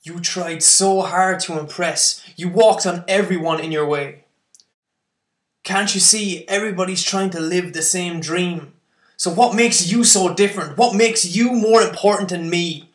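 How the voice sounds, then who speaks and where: A man's voice: high voice, unhurried, roomy sound. A young man performing spoken word poetry, intense and building to impassioned outbursts.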